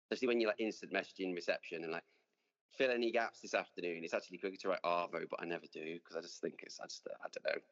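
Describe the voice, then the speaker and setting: A man talks casually and rambles, circling back and restarting his sentences. His voice sits very low. The call audio is muffled, with a long reverb trailing behind him. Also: racing, hardly any pauses. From English Midlands. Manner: chatty, rambling with many restarts and fillers. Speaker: dentist guest. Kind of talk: casual interview.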